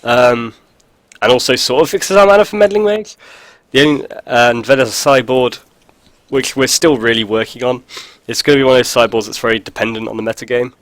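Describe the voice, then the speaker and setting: A video host, stuffy and sniffling with a head cold, gives rambling, filler-heavy commentary on a card game, dropping dry jokes at an everyday pitch and a slightly fast pace. The recording is dry, close and echo-free.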